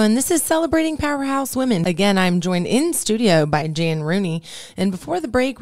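A woman's voice: mid-range voice, darkish tone, dry recording. A woman hosting a podcast interview in a studio, upbeat, effusive and playful. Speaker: podcast host. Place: radio studio.

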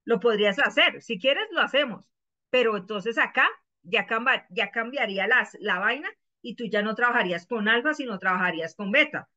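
A woman's voice: fairly high pitch, lively intonation, moderate pace, pushed and bright, lo-fi sound. A woman teaching math in an online class, patiently explaining and asking her students questions over and over.

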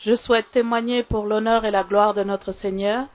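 A woman's voice: medium pitch, fairly even intonation, normal speed, highs cut off. A woman from Sri Lanka giving a heartfelt testimony in a church hall, faltering a little at emotional moments.

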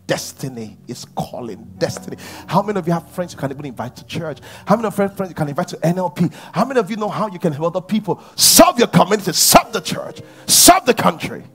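A pastor in his thirties with a Nigerian English accent, preaching a sermon on a large church stage and swinging from shouts to near whispers. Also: sits high, big pitch swings, fast, few pauses.

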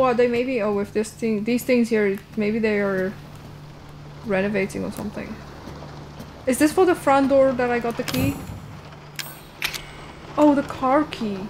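Casting young female gamer, excitable and jittery, high lively voice, noisy room. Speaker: gamer streamer. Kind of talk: casual game commentary.

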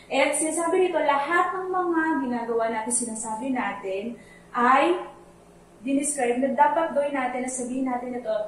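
A Filipino woman teaches a children's Sunday school lesson, patiently explaining a Bible verse in mixed Tagalog and English and singing its lines to teach the tune. Her high voice moves at a moderate pace. The recording is echoey and distant, with faint music and slight background noise.

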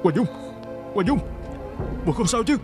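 A man dubbing an earnest, simple young hero who scolds a girl gently. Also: sits high, lively intonation, normal speed, music in the background. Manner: earnest, reproachful. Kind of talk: dubbed TV drama.

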